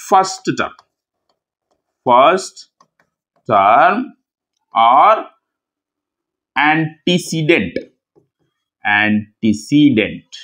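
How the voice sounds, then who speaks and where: Slow-talking man teaching math with a Telugu accent. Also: fairly high pitch. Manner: repeats key words and asks himself questions before answering. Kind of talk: classroom math lesson, mixing English and Telugu.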